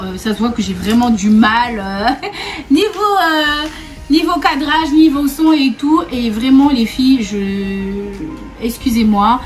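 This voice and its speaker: A young woman who grew up in Réunion, chatting casually to her viewers in a storytime vlog. She repeats herself, laughs often and keeps calling her audience "mes go". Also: fairly high pitch. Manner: chatty and repetitive, often laughing, calls viewers 'mes go'. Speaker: vlogger. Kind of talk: casual storytime chat to camera.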